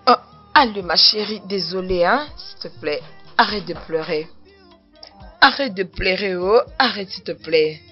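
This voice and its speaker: A woman's voice: medium pitch, expressive, measured pace. A woman dubbing an outspoken betrayed wife who scolds her husband. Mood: consoling. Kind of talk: French-dubbed film acting. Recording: dull lo-fi dub with music behind.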